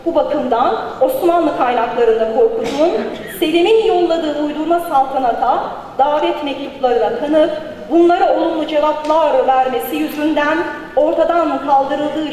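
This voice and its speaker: High-voiced woman at a podium microphone. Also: darkish tone. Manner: formal and measured. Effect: speaking at a podium microphone. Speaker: conference speaker. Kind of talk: reading a prepared academic paper. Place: conference hall. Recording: very echoey large hall.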